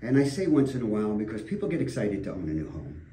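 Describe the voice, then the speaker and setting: An older man, a realtor appearing as a radio guest, talks earnestly and tells stories full of emphatic repetitions. His voice is fairly low, mellow and sing-song, and he speaks fast. The desk mic sits at a distance in a roomy studio, with slight background noise.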